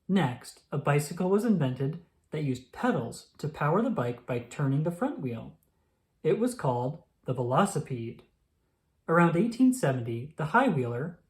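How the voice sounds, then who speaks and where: With a medium-pitched, darkish voice, a narrator reads aloud from a children's picture book in a clearly enunciated manner suited to instructional storytelling.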